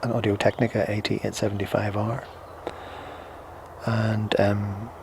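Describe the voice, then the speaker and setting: Low-voiced man, noisy on-camera mic. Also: flat delivery, measured pace, vocal fry. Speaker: product reviewer. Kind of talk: casual product demonstration. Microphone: small on-camera shotgun microphone via recorder into camera.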